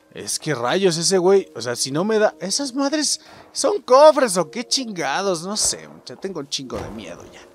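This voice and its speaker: A man with a Mexican accent commenting on a video game as he plays, excitable and profane, yelping at scares. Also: fairly high pitch. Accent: Mexican Spanish. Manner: excitable, swearing, yelps and shouts at scares. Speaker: gaming YouTuber. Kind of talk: let's-play commentary.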